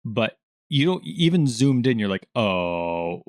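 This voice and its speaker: A man co-hosting a casual gaming podcast, talking in an animated way and acting out the questions he quotes in a higher voice. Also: normal speed, dry recording, clean studio sound. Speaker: podcast co-host.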